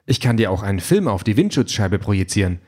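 A man voicing an overeager, talkative male self-driving car that lectures in a bright, chatty way, reading an audiobook. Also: fairly low pitch, sing-song, quick pace. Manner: brightly chatty, lecturing, flares into furious shouting.

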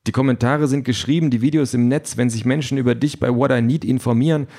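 A man's voice: mid-range voice, steady tone, quick pace, warm tone, voice pushed up, close to an everyday voice. A man voicing an exhausted, frustrated female campaign manager who swears bluntly, in a raised voice from an audiobook reading.

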